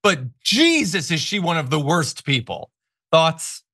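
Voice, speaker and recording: A man's voice: on the high side, unhurried, fairly bright tone, no room sound, studio quality. A man hosting a political talk show, delivering opinionated commentary in an indignant, sarcastic and emphatic way.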